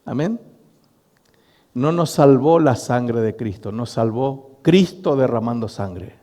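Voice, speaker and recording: A man's voice: medium pitch, takes it slowly. A middle-aged male pastor, preaching a sermon and telling a story to his congregation. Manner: storytelling, addressing the congregation as brothers, animated. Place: church hall. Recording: long reverb of a church hall.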